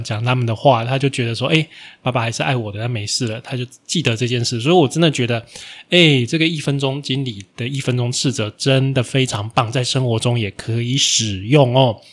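Chatty man telling a family story. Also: mid-range voice. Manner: chatty, many fillers and sentence-final particles; acts out his own stern scolding in a raised voice. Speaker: podcast host. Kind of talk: casual storytelling monologue.

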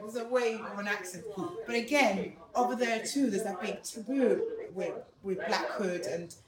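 A woman's voice: medium pitch, moderate pace. A woman with a slight Argentine accent who grew up in Argentina, chatting animatedly in a busy museum exhibit. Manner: animated, explanatory. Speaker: museum visitor interviewee. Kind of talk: casual chat. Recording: echoey hall with crowd.

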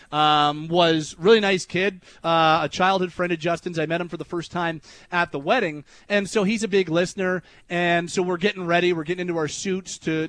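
A young adult man hosting a radio show, telling a story in an animated way that turns loud and high when he retells his anger. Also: dry recording. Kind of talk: casual storytelling on talk radio. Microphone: studio microphone.

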